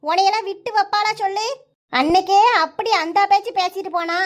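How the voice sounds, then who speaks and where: A voice actor playing a scolding village mother in a cartoon, speaking with a Kanyakumari Tamil accent in a sharp, threatening manner. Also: fairly quick. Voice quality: high, pitched-up cartoon voice. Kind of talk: cartoon voice acting.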